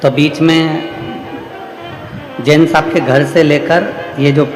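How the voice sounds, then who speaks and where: A man's voice: on the high side, fairly even intonation, slow pace, music in the background. A man preaching a devotional sermon to a large gathering, with repetitive, rhythmic, emphatic phrasing. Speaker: preacher telling a religious discourse. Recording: echoey hall with long reverb.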